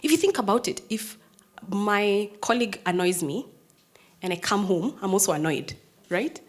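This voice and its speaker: A woman prosecutor in her thirties, Kenyan English accent, recounts her own story to an audience at medium pitch and normal speed. The intonation is lively, and her strong, firm voice shifts between soft near-whispers and loud emphasis.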